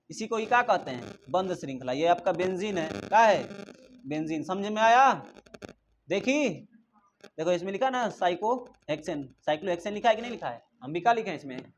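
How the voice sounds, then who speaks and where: High-voiced guy teaching chemistry, keeps asking the class questions and scolds them. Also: slight background noise. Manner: drills students with repeated questions, scolds them.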